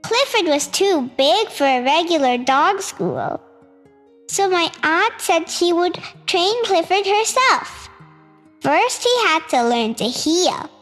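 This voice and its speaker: A child host reads a storybook aloud in a very high, fairly bright voice with big swings in pitch. The pace is slow and measured, suited to narration for young listeners. Music plays along, and the hall-like space adds long, ringing reverb.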